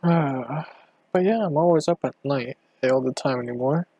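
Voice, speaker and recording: On his first solo podcast, recorded at home at night on a cheap microphone, a man delivers a rambling casual monologue, meandering and hesitant, full of restarts and fillers, and often out of breath. His medium-pitched voice is mellow at a moderate pace, and the recording is dry and muffled.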